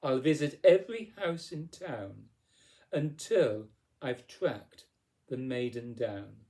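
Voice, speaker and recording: A man's voice: medium pitch, lively intonation, slow, dark tone. A man voicing a melodramatic young lovestruck prince in a storybook poem, with declamatory, old-fashioned phrasing. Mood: ardent, dramatic.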